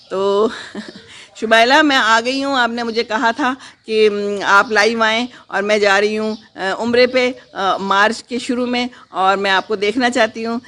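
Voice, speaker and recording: A woman hosting a casual live stream from her garden, reading out viewer comments. She talks in a gentle, reflective, unhurried way with pauses, mixes in English phrases, and offers prayers and blessings. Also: medium pitch. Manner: prayerful, sprinkles blessings and wishes.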